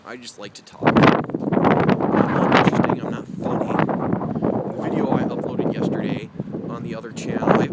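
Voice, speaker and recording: A young man vlogging outdoors in cold wind, rambling in a hesitant, self-deprecating way with many fillers. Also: medium pitch. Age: young adult. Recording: loud wind noise on the mic. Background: heavy wind noise.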